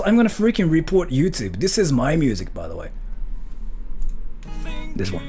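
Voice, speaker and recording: A man's voice: fairly low pitch, darkish tone. A man from Japan livestreaming, chatting loosely and answering viewer questions, going back and forth between English and Japanese.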